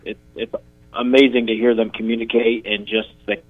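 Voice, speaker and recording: A man, a high school softball coach, called in to a radio interview on a phone connection that is breaking up, talking haltingly with many fillers. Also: level tone, dry recording, faint music behind. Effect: call breaking up, audio cutting out. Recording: dull lo-fi phone line.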